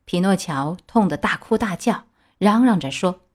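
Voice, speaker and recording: A woman reading a children's storybook aloud with lively, expressive storytelling. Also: on the low side, moderate pace.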